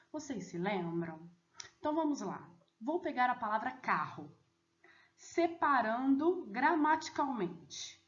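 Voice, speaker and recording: A woman teacher explaining a lesson deliberately, often checking in with students. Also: a little high. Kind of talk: recorded online lesson. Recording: echoey, dull lo-fi room audio.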